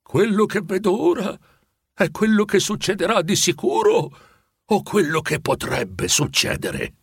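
A despairing old miser, as a male storyteller puts him on, begging with a husky, strained voice that climbs high and swings widely. The sound is close and dry, as in a storybook audio reading. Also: sing-song, unhurried, no echo, full character voice. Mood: fearful. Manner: anguished, pleading, high-pitched. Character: remorseful old miser man, pleading.

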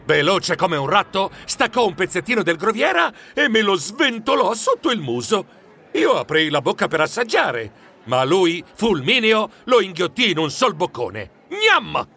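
A man telling a children's story in the first person as a fussy mouse editor, with lots of expression. His voice sits high and sounds bright, and his pitch rises and falls a lot. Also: big pitch swings, moderate pace. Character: fussy male mouse newspaper editor, narrating. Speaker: narrator. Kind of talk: scripted audiobook narration.

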